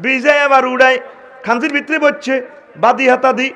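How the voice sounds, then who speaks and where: A man's voice: very high-pitched, steady tone, moderate pace, sharp tone. A man with a Comilla Bengali accent preaching a humorous Islamic sermon, chanting verses in a sing-song voice and calling out to the crowd. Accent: Comilla Bengali dialect. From Bangladesh.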